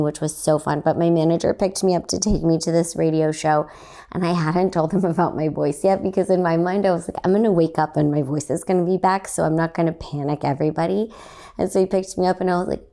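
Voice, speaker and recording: A young woman from Texas, a comedian with her own podcast, tells a story alone in a loose, rambling way packed with fillers. She speaks fairly quickly in a low voice with a dark tone, keeping her intonation steady.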